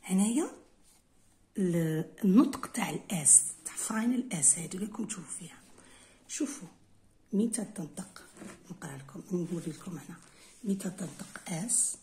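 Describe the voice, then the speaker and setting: A woman's voice: on the low side, animated, moderate pace, long pauses, mellow, slight background noise. A woman English teacher with an Algerian Arabic accent, going through an exam correction step by step and switching between Arabic and English.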